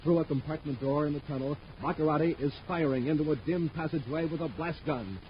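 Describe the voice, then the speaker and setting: Fairly high in pitch and quick in pace, a man gives a dramatic, emphatic showman's announcement and narration in 1950s radio style. It's an old, muffled radio recording carrying faint noise.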